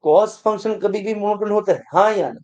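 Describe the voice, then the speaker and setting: A man's voice: high-pitched, normal speed, a little mellow, muffled recording. A man teaching math in an exam-prep lecture, who keeps quizzing the students and repeating his prompts to pay attention.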